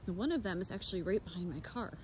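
A woman's voice: mid-range voice, lively intonation, rapid-fire. A woman giving a casual walking tour outdoors, chatting to her viewers as she films on a phone. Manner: chatty, addresses viewers as "guys". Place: outdoors in a cemetery on a windy day. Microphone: phone camera held while walking. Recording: loud wind and outdoor noise.

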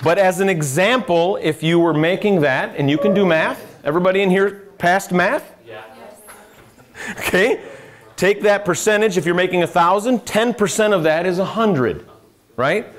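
A man's voice: high voice, normal speed. A middle-aged American man, a financial adviser, giving a live classroom lecture with a conversational manner, quizzing the room and dropping dry sarcastic asides. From United States. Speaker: financial adviser teaching a seminar.

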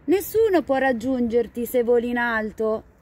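A woman voicing a shrill, boastful bird in a storybook reading. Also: expressive, moderate pace, darkish tone.

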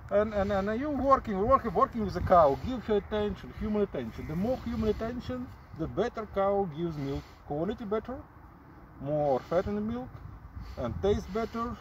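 A performance artist in his forties with a Russian accent gives a deadpan comic monologue in halting English, slowly and dramatically reciting poetry in an open field. His high voice is animated, picked up by a camera mic a few meters away, so the audio sounds dull and distant with faint field noise.

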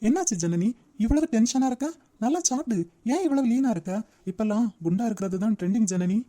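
Woman voicing a soft-spoken gentle young man. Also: a little high, expressive, fast talker. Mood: placating. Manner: soft, placating.

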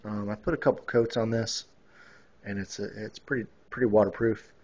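A man in a casual show-and-tell, talking hesitantly with many pauses and fillers, recorded on a phone video. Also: fairly low pitch, steady tone, darkish tone. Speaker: hobbyist showing his rifle refinish. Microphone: phone camera mic. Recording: dull lo-fi phone video audio.

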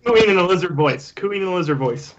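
A man's voice: high voice, animated, brisk, highs cut off. A man bantering casually during a tabletop game, with a teasing, jokey way of talking.

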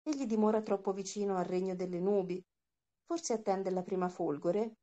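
A woman voicing a wise, solemn male prophet, reading his lines in a measured, calm way. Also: medium pitch, lo-fi sound, close to an everyday voice.

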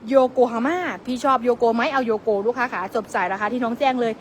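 Saleswoman, high-pitched and fast, chatty live-sale pitch, faint shop noise behind. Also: steady tone. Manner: fast, chatty sales patter, keeps calling out prices. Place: tire shop.

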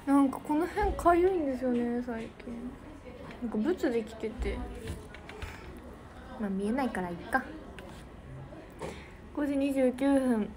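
A woman's voice: sits high, a little slow, long pauses, music in the background. A teenage girl from Niigata hosting a casual livestream, chatting and thanking viewers for their comments. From Niigata, Japan. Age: teens. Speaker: idol livestream host. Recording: noisy livestream audio.

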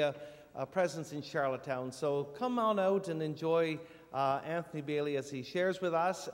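A man giving casual church announcements from the front of a sanctuary, halting with many fillers. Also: fairly high pitch. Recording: long reverb in a church hall.

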